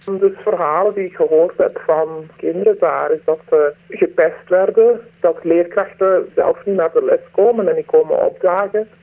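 A woman, her voice disguised by a deep pitch-shift distortion, answering a radio interview earnestly with hesitant pauses. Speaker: anonymous former aid worker interviewee. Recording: distorted, narrow phone-like sound.

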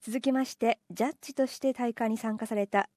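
A woman host introduces segments in a smooth, friendly presenter's way. Her voice is mellow and slightly high. The sound is close and dry, with no room around it. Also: steady tone, fairly quick, no echo. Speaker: radio program host. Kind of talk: presenting and interviewing.

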